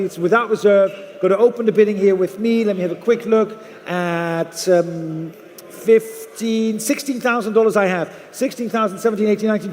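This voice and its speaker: Male auctioneer, high-pitched voice, repetitive live bid-calling, numbers repeated, long hall reverb. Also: a little mellow. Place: large auction room. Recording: echoey hall through PA.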